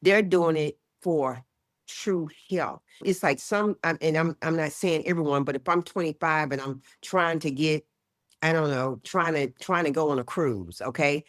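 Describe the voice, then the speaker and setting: A woman in her sixties, a health educator talking as a guest in an interview, emphatic and lively, often acting out what people say. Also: sits low, moderate pace, no echo, studio quality. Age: 60s. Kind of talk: casual interview chat.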